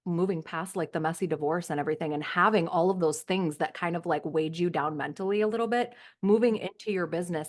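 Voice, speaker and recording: Low-voiced woman hosting a podcast. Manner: emphatic, rambling questions full of fillers. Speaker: podcast host. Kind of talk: casual chat.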